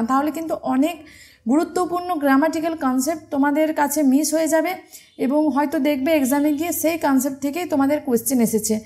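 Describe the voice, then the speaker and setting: A woman's voice: high-pitched, a little mellow. A woman from teaching an exam-prep grammar lesson, patient and step by step, asking her students questions as she goes.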